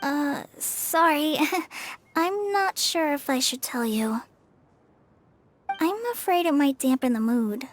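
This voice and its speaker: Game role: very high, lively voice for a polite, earnest young girl, a bit hesitant. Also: slow, a little hiss or hum. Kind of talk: game cutscene voice acting.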